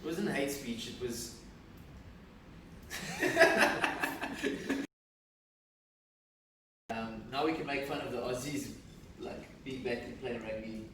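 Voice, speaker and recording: A man's voice: mid-range voice, slow, long pauses, far from the mic, background noise. Rambling man in an echoey studio. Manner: rambling, enthusiastic, cheeky. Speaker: podcast co-host. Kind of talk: casual banter and match talk.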